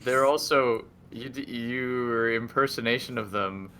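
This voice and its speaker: Playful man on a panel show, bright and sharp-edged voice. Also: mid-range voice, a little slow, a little hiss or hum. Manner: teasing, playful interjections. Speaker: podcast co-host. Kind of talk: casual chat.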